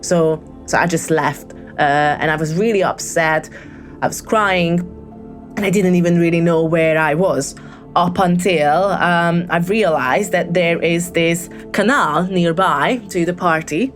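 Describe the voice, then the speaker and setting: Soft background music accompanies a lowish female voice as a Hungarian caller tells a true story at a measured pace. Her voicemail is casual and halting, peppered with ums and false starts.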